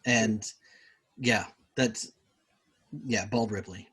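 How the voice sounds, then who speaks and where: A man who designs games, talking casually in an interview, relaxed and chatty, laughing easily. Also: fairly low pitch, very slow, slightly rough. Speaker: game designer guest.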